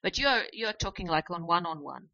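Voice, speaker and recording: A woman's voice: on the low side, animated, normal speed, creaky, bright, forceful tone, no room sound. A woman facilitating a group discussion, speaking for the group in an encouraging way, on a muffled dry recording.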